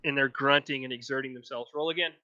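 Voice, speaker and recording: A man narrating a tabletop game as dungeon master, drawing out the scene slowly. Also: mid-range voice, fairly even intonation, sharp tone. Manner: slow, drawn-out scene narration. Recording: dry, slightly dull audio.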